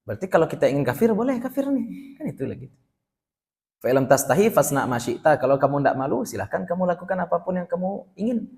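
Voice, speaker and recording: A man's voice: high-pitched, very animated, fast, gravelly, a little mellow. A young man, teaching a classical Islamic text study as a teacher, reciting Arabic passages and throwing rhetorical questions at the class.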